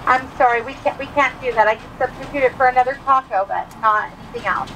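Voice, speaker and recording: A woman's voice: sits high, quick pace, a bit bright. A woman taking orders through a drive-thru speaker, politely repeating back and confirming each item. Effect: heard through a drive-thru speaker. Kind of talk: taking a fast food order. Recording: distant speaker voice with car noise outside.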